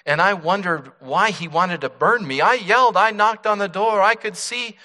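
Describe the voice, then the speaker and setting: A talking teacup, all frantic pleading in high strained cries, as a preacher puts it on. The tone rings bright and forceful. It lingers in a long, echoing church reverb. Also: male voice, normal speed. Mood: pleading, anguished.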